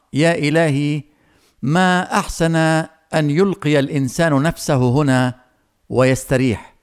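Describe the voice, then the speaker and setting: Man, sermon, earnest, deliberate pauses, resonant, fairly high voice. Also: smooth. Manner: earnest, addresses listeners directly with questions. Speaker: preacher.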